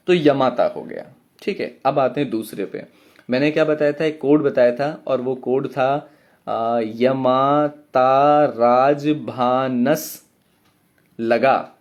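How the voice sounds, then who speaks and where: A man teaching a poetry workshop, chanting syllables and beat counts in a drawn-out way. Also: medium pitch. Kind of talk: online lesson.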